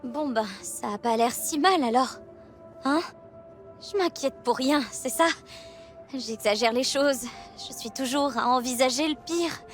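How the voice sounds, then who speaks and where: A woman's voice: high-pitched, unhurried, soft background music. A woman playing an anxious, self-doubting friend in a French video game, hesitant and fretful. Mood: nervous.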